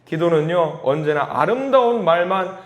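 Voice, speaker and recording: A man preaching in a church with a fairly high voice. His sermon moves between quiet, confiding stretches and loud, emphatic peaks, and he repeats his key points for weight. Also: moderate pace. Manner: animated preaching that swings from hushed to loud, with emphatic repetition. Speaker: pastor. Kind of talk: sermon at a weekday prayer meeting.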